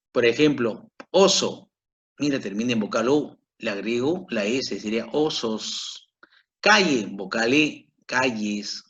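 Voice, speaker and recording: A man's voice: mid-range voice, bright, forceful tone. A middle-aged man teaching a grammar lesson, repeating himself and checking in with his listeners as he goes. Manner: slow, repetitive, checks in with "¿ok?". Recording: dull lo-fi recording.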